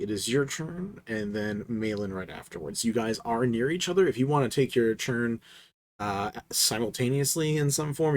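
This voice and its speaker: A man running a tabletop game as game master, easygoing and hesitant, with fillers and quick laughs. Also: mid-range voice.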